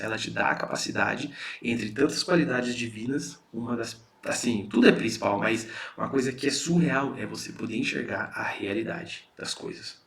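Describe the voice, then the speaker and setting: Brazilian guy explaining spiritual stuff, chatty, gravelly voice, mid pitch. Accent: Brazilian Portuguese. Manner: conversational, explaining, frequent "né". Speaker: spiritual teacher. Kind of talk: casual spiritual lesson.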